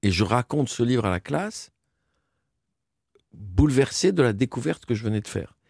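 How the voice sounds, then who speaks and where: An earnest man speaking as an interview guest, his voice sitting at an ordinary middle pitch. He halts, repeats words and restarts his sentences as he recalls something that moved him. The sound is dry and close, with no room around it. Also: expressive, moderate pace, vocal fry, darkish tone, slightly rough, no echo. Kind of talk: interview, personal recollection.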